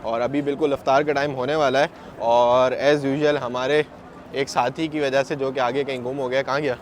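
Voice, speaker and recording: A travel vlogger with a sore throat films himself on his phone outdoors and in a large, busy mosque extension, walking, showing things, and calling his viewers brother. His mid-range voice moves little in pitch and keeps a normal speed. The noisy outdoor recording is handheld narration.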